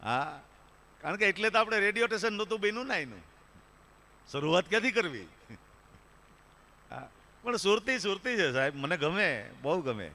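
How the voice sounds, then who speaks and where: A man's voice: sits high, very animated, normal speed, pauses often, bright, forceful tone. A man from Kathiawad with a Kathiawadi Gujarati accent, telling chatty comic stories on a live stage and often calling the audience sir. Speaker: stand-up comedian. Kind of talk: live folk stage comedy storytelling.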